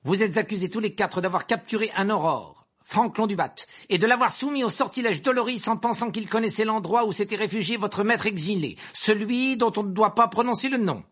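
A man's voice: high voice, lively intonation, fairly quick, few pauses, fairly bright tone, slightly rough, pitched above the performer's own voice, exaggerated voice. A man doing a thundering, hateful Croupton. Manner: thundering, declaiming. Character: stern older male judge, cold fury. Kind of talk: audiobook character voice.

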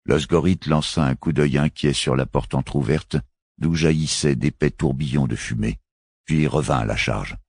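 Deep husky male audiobook narrator. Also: normal speed, dry recording. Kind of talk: scripted narration.

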